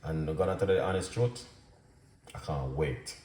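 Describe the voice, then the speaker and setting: A man's voice: very deep voice, normal speed, darkish tone. A man hosting a casual cooking live stream, upbeat and chatty as he talks to his viewers. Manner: upbeat, chatty, greets viewers by name and place. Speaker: cooking show host. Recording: echoey room, mic at a distance, background noise.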